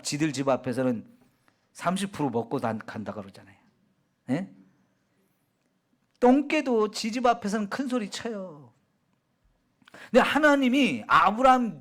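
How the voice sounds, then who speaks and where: A male pastor giving a sermon, retelling the story in a lively, colloquial way and asking the congregation questions. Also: high-pitched.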